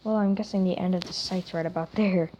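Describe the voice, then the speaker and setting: A woman hosting a gaming channel, giving casual commentary on her play, excitable and prone to exclaiming and repeating phrases. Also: on the low side, a little fast, heavy background noise.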